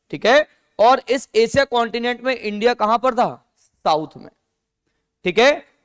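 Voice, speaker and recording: High-voiced man teaching a class. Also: a bit bright, clean tone. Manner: asks the class questions and answers them himself; mixes English words into Hindi. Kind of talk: classroom lecture.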